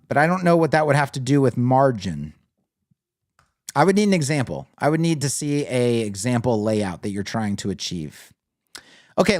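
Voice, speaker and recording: A man hosting a live web design critique, talking bluntly and thinking aloud as he scrolls through sites. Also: medium pitch. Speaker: web design show host. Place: home studio with lights on.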